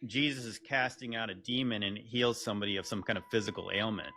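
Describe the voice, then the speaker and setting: A man's voice: on the low side, fairly even intonation, quick pace, pushed and bright. A man in casual podcast-style conversation. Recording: noisy background ambience.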